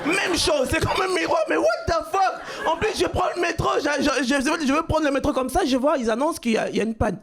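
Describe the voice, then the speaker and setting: A man from Cuba doing a stand-up comedy set on a club stage, with a loud, punchy delivery that shouts out the punchlines. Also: extremely high pitch, a little fast, creaky, hardly any pauses. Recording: live club recording with crowd. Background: audience laughter.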